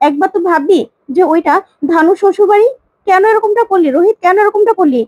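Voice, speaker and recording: A woman's voice: extremely high pitch, fairly quick, darkish tone, no echo, lo-fi sound. A woman voicing a worried scolding mother. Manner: pleading, scolding. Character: worried mother scolding her grown son.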